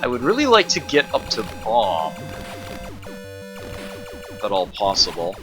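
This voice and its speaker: A man's voice: fairly low pitch, wildly swooping pitch, slow pace, music in the background. A man streaming a retro arcade game, giving casual, rambling commentary with wry, self-deprecating asides. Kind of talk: casual live gameplay commentary.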